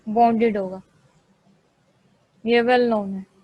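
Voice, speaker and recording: Slow, flat-voiced woman math lecturer. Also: fairly high pitch, dry recording, lo-fi sound. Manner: slow, methodical, thinks aloud while writing.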